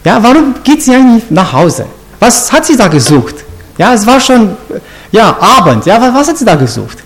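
A man with a high voice that swings widely as he preaches, teaching scripture in an informal way. He keeps turning to his listeners with questions and often breaks off to restart his sentences. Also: big pitch swings, normal speed, a bit bright.

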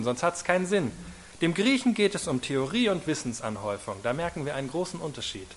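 A man preaching a sermon to a congregation, emphatic, often slowing down on key phrases and drawing listeners in with rhetorical questions. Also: a little high. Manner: emphatic, varying loudness, slows on key phrases, asks the congregation "oder?".

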